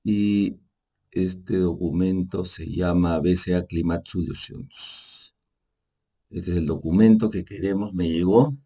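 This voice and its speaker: A low, deep, dark and mellow male voice with fairly even intonation narrates an unscripted screen-share tutorial. The speaker is an energy manager, a native Spanish speaker, explaining software casually and unhurriedly. He halts and self-corrects while working on screen, leaning on fillers such as "pues" and tag questions like "¿no?"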